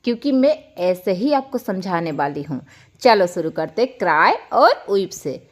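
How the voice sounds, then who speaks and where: A young woman from India teaching English grammar online, explaining word pairs warmly to viewers she calls children. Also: lowish voice, lively intonation, moderate pace.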